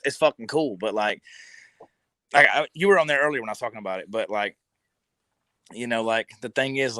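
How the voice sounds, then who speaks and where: A man's voice: fairly low pitch, bright, forceful tone, no room sound. A man in his twenties on a podcast, rambling in casual chat, full of fillers and cursing. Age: 20s. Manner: rambling, heavy with fillers and swearing.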